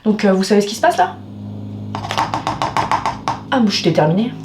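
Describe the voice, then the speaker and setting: A woman's voice: mid-range voice, sing-song, normal speed, heavy background noise. A woman vlogger venting to her viewers in a casual, exasperated way, with theatrical outbursts and swearing. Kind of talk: venting to camera, casual vlog. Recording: echoey room with faint music.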